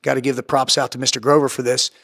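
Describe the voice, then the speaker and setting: A man's voice: mid-range voice, level tone, vocal fry, fairly bright tone. A man speaking as a guest in a candid podcast interview, blunt and intense, swearing heavily and hammering points through repetition. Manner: swings between fast bursts and slower, drawn-out phrases. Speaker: podcast guest, entrepreneur and former Navy SEAL.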